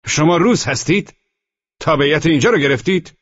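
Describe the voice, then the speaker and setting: A man reading an audiobook, voicing a brusque, suspicious police chief who shouts and hectors. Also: fairly high pitch, lively intonation, breathy edge, no echo, voice pushed up. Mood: interrogating. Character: loud, brusque middle-aged male police chief. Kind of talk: audiobook character voice. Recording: muffled lo-fi audio.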